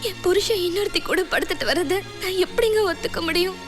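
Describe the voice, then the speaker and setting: Tearful young wife. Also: female voice, very high voice, fairly quick, music in the background. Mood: hurt. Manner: tearful, reproachful. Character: young wife, hurt and childless, defiant.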